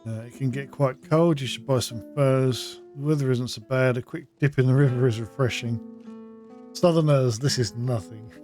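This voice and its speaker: A man hosts a gaming video, chatting casually through his playthrough, narrating his own moves, and reading in-game text aloud. His voice sits at medium pitch with normal speed, and soft game music plays underneath.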